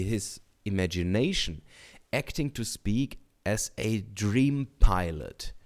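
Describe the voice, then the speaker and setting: A man reading a book aloud in a deliberate, measured way, adding short comments as a teacher. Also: lowish voice, a little mellow. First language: German.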